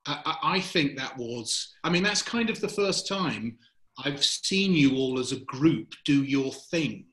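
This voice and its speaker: A man mentor giving feedback on a video call, earnest and measured, stumbling over his words as he praises the work. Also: mid-range voice, lively intonation, fairly bright tone. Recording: echoey room.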